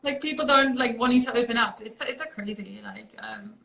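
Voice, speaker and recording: A woman's voice: fairly high pitch, brisk, creaky, sharp tone, low-quality recording. A woman from Austria with an Austrian German accent, hosting a casual interview and talking in a chatty way full of fillers. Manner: chatty, heavy with fillers like "like" and "you know". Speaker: host.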